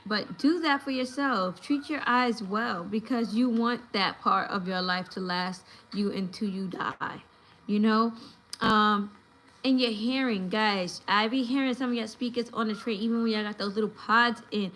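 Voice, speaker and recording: A woman's voice: a little high, unhurried, a bit bright, a little hiss or hum, poor audio. Chatty woman giving advice on a livestream. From New York. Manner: chatty, advice-giving, acts out voices in anecdotes. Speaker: livestream host. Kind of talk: casual livestream chat. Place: home.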